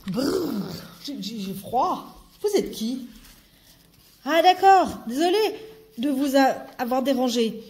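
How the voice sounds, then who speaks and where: A woman's voice: high-pitched, lively intonation, slow, pauses often, a little mellow, a little hiss or hum. A woman voicing Twisty, a cold-sensitive male creature in love, who shivers and stammers. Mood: shivering.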